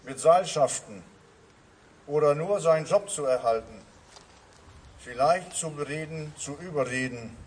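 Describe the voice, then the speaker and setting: A man's voice: on the high side, far from the mic, slight background noise, poor audio. A man preaching a sermon to his congregation, earnest and repeating his refrains. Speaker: pastor.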